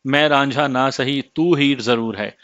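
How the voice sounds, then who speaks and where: A man's voice: medium pitch, a bit bright, no echo, lightly acted. Pleading remorseful husband, read by a man, imploring tone, dry muffled sound. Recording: slightly muffled dry recording.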